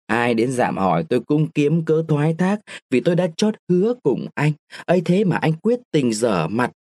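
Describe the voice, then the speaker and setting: A man's voice: mid-range voice, a little mellow, no echo, clean studio sound, pitched above the performer's own voice. A man reading a story, voicing a proud young woman of eighteen who pleads and reproaches her lover.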